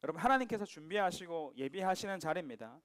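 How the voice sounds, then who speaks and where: A male pastor preaching to teenagers in a lively way, joking and asking his listeners questions. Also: fairly high pitch, fast. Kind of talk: sermon to teenagers.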